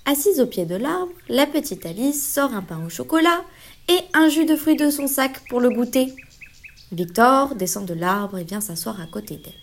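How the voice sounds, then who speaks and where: A woman narrating a children's fable aloud in a gentle, clear storytelling manner. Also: on the high side. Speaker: story reader.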